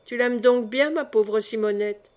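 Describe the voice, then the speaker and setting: A woman reading the part of a gentle, kindly young noblewoman. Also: a little high, unhurried, close to an everyday voice.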